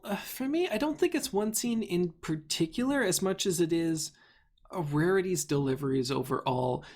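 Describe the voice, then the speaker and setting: Man hosting a casual review chat. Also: on the high side. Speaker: podcast host.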